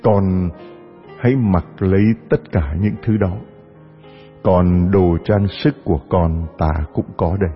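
A man voicing a gentle, wise fairy godmother who speaks calmly and kindly. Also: low-pitched, soft background music, voice pushed down. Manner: calm, kindly, measured. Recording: dull audio with long reverb.

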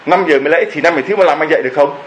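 A man's voice: fairly high pitch, racing, slight background noise, low-quality recording. A man preaching a homily, telling a story and firing off rhetorical questions to the congregation.

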